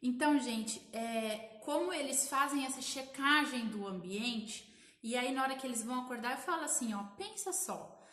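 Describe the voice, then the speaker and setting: A woman's voice: high-pitched, normal speed, a bit bright, echoey room. A woman in her thirties with a Brazilian accent, a child sleep consultant talking live to viewers, explaining and repeating points. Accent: Brazilian Portuguese. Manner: explanatory, repeats lists and asks "tá?" often. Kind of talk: live social media talk to viewers.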